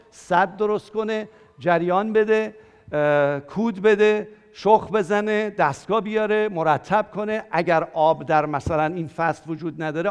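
An older male pastor preaching a conversational sermon, lively, questioning his congregation and joking with them. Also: high-pitched, smooth. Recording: long hall reverb.

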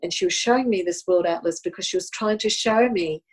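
This guest, an Australian woman described as Italian, speaks a little quickly in a lowish voice with a breathy edge. Her casual personal story comes across earnest and reflective, with frequent repeated words.

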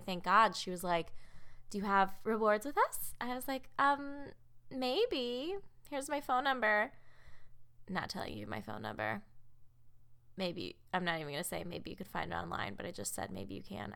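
A woman's voice: mid-range voice, pushed and bright, smooth. A young woman in her twenties hosting a solo podcast, telling rambling stories in a chatty, giggly way. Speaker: podcast host. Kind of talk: casual solo chat.

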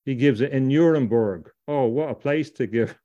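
A middle-aged Irish man, a guest on a podcast, talks at length in a discursive interview style, frequently repeating words and restarting sentences. His voice is warm and medium-pitched at a normal pace, though the audio is dull.

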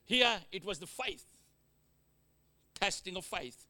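A male preacher with a Fijian accent gives a slow sermon full of lively intonation, his voice very high and piercingly bright. He keeps calling out to the congregation and punctuating with amens, tossing in jokes and swinging between loud declarations and quiet near-murmurs.

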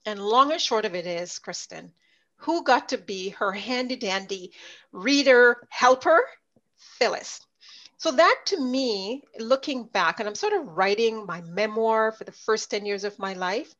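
A middle-aged woman from Jamaica, a leadership coach, telling her story in an interview with lively storytelling. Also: medium pitch, unhurried. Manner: animated storyteller, voices others in quotes. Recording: dull lo-fi audio.

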